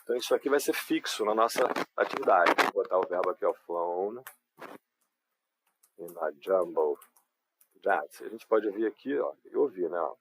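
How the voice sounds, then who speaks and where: A man's voice: lowish voice, animated, fast talker, hardly any pauses, a little hiss or hum, rough recording. A man with a Brazilian Portuguese accent teaching an English class live online, explaining patiently and often checking in with his students. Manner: patient, explanatory, frequent tag questions.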